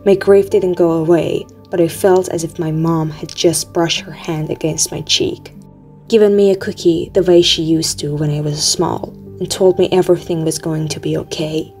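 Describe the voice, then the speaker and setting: A woman reading an audiobook aloud in a steady, measured storytelling manner. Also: sits low. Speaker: audiobook reader. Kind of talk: audiobook narration. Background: faint music.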